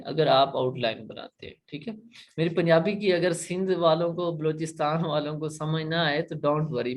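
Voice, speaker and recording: A man with a Pakistani accent teaching an online class, explaining patiently, repeating points and often checking that students follow. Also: a little high. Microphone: laptop.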